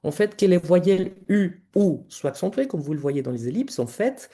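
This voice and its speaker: A man's voice: high voice, very animated, moderate pace, mellow. A male researcher giving an academic conference presentation, explaining his slides step by step and talking directly to the audience.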